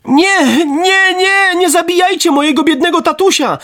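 A man voicing a naughty, self-pitying wooden puppet boy in a storybook reading, in a high boyish voice. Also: big pitch swings, a little slow, breathy edge, full character voice. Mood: desperate.

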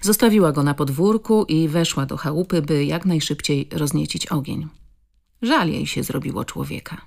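A woman reading a novel aloud in scripted narration. Her voice sits very low with a gravelly fry, and she keeps a measured, steady pace. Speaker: audiobook narrator.

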